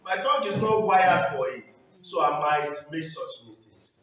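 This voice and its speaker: A man's voice: a little high, animated, moderate pace, fairly bright tone. A man with a Nigerian accent giving a university workshop lecture, explaining with jokes and acted-out examples. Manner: explanatory, jokey, acts out examples. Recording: echoey hall, distant mic.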